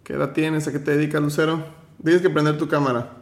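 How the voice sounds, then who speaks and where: A man's voice: fairly high pitch, level tone, fairly quick, roomy sound. A man hosting an online finance workshop, teaching with motivation and firmly running roll call. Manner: firm, direct, gives instructions.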